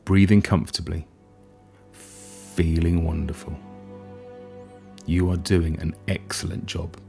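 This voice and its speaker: A man guiding a hypnosis session in a soft, soothing, breathy and unhurried voice, leaving gentle pauses between phrases. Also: sits low.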